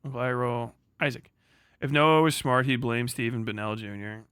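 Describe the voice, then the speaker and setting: A man livestreams a casual, rambling rant packed with profanity and slang, often stammering over repeated words, as a live streamer and online commentator. His mid-range voice is fairly bright and clean, at normal speed, in a dry recording with clean studio sound.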